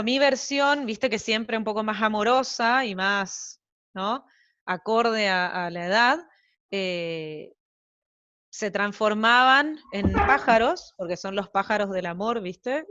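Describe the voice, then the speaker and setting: A translator guest with an Argentine Spanish accent, a young-to-middle-aged mother of small children, chats through a laid-back interview with many fillers and asides. Her medium-pitched voice comes across bright and forceful. The sound is dry and lo-fi.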